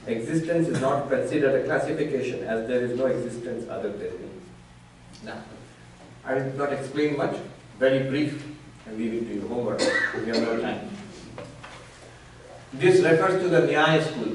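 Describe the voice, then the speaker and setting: A man's voice: medium pitch, moderate pace, pauses often, a little hiss or hum. A man, a monk, teaching scripture at a retreat, explaining patiently and acting out an opponent's objections. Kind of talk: lecture on scripture. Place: retreat hall. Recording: echoey hall, far from the mic.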